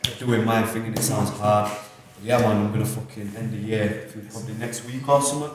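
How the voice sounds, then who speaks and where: A man's voice: on the low side, steady tone, a little fast, recorded from a distance. A man with a London roadman accent chatting casually and talkatively in heavy street slang as an interviewed music artist. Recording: echoey room, off-mic, faint noise.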